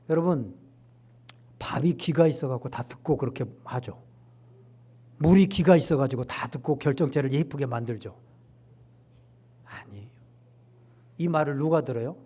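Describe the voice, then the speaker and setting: A middle-aged pastor with a medium-pitched, husky voice delivers a Sunday sermon. He's animated, acting out quoted lines and building emphasis as he goes.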